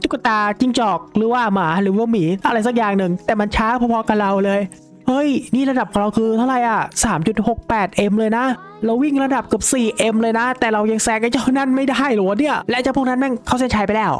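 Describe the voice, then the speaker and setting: A young man giving casual, excitable commentary as he plays a video game, exclaiming and joking as he goes. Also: extremely high pitch, fast, soft background music. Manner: excitable, exclaims and jokes while playing. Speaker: gaming video creator.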